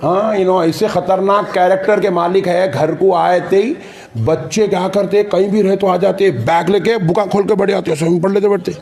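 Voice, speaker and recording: Animated high-voiced male preacher. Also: normal speed. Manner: animated, playful, mimics family members for the crowd. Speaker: Islamic preacher. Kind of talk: sermon.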